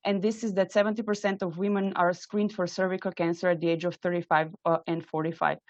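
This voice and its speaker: A woman's voice: lowish voice, level tone, fast, dry recording. A woman in her thirties from Slovenia, speaking, gives an earnest webinar presentation with frequent hesitant fillers. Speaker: invited speaker, microbiology trainee. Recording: dull, dry webinar audio.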